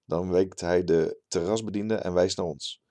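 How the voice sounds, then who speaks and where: Deadpan male storyteller, low gravelly voice; reads his story flat and dry. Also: moderate pace. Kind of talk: reading a short story aloud.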